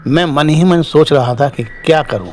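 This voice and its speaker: A man telling a first-person horror story in steady, dramatic scripted narration, closing as the show's host. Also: fairly high pitch, normal speed, a little hiss or hum.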